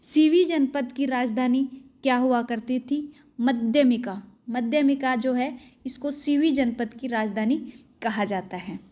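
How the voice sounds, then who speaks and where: Woman, young adult, teacher, high voice, fast question-and-answer delivery, exam-prep lesson. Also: mellow.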